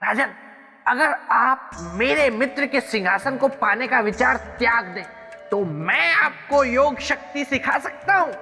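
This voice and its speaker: A man's voice: very high-pitched, lively intonation, a little slow, sharp tone, exaggerated voice. A man playing the comic shrunken ghost-spirit Betaal in a TV mythological drama, playful and whiny with exaggerated yelps. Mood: comic fussing. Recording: reverberant studio with music behind.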